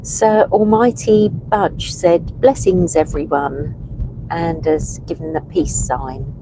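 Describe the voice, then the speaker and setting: Slow, low, mellow woman. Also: animated. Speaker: passenger reading out live chat comments. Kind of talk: casual live stream chat. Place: inside a moving car. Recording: faint car road noise. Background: vehicle noise.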